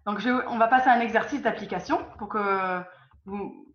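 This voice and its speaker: A woman's voice: medium pitch, normal speed. A woman teaching an online group lesson over a video call, patiently quizzing her students and often repeating or restarting her phrases. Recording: roomy, dull lo-fi call audio.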